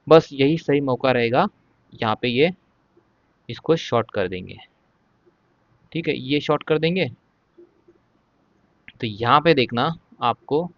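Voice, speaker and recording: A man's voice: medium pitch, dry recording, lo-fi sound. A man, explaining trading charts step by step in a casual lesson and often checking in with the listener. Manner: explains step by step, repeats "ठीक है" often, says he will speak slowly. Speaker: stock market trading educator.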